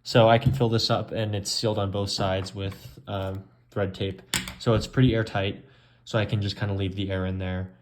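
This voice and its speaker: A young man with a fairly low voice giving a loose show-and-tell of a homemade gadget. He talks informally, drifts through fillers and lets sentences trail off. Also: level tone, normal speed, background noise. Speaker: hobbyist demonstrating an electronics project.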